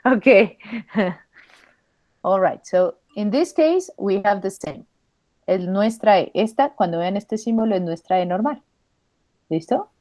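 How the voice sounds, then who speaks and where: A woman's voice: medium pitch, expressive, a little mellow, dry recording. Woman teaching English pronunciation. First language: Spanish. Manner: patient, models sounds slowly and repeats them; switches between English and Spanish. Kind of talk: online pronunciation class.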